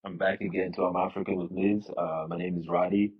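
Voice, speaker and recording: A man's voice: deep voice, level tone, a little fast, breathy edge, narrow, tinny audio. A man from Congo, a returning podcast guest, speaking in an upbeat, casual way.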